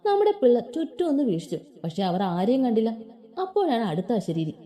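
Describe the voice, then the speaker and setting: A woman reads a story aloud in lively, playful, colloquial narration, voicing its characters. Her voice is fairly high and fairly quick.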